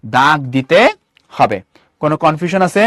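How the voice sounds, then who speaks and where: A man's voice: fairly high pitch, animated, fairly bright tone, no room sound, studio quality. A man with a Bangladeshi Bengali accent teaching a live online class, rattling off questions to his students. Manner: quick, repeatedly quizzing students with rhetorical questions. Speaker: online tutor.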